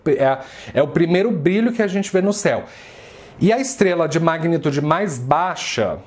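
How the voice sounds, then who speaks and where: Slow-paced man lecturing. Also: fairly high pitch, darkish tone. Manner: slow, repetitive explaining with frequent pauses and restarts. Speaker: astrology teacher. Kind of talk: classroom lecture at a whiteboard.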